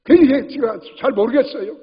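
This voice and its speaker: A man's voice: extremely high pitch, fairly quick, pitched above the performer's own voice. A man voicing an impatient, short-tempered grown son who answers in an exasperated, snapping way, in a reverberant church hall with dull sound. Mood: irritated.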